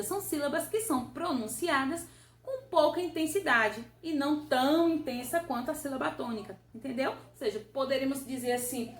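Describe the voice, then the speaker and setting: A woman teacher, patiently explaining a grammar revision lesson and often checking that the listener follows. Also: sits high. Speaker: Portuguese teacher. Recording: roomy echo.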